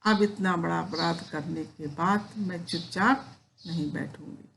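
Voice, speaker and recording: Woman, teacher, unhurried delivery, verse recitation then explanation, faint hiss. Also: lowish voice, gravelly, fairly bright tone. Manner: recites verse lines, then explains them in plain Hindi. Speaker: Hindi teacher. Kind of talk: recorded lecture explaining poetry.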